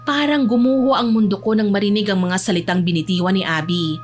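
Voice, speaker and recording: A woman's voice: mid-range voice, fairly even intonation, a little fast, soft background music. A woman narrating a first-person story in an earnest, dramatic way.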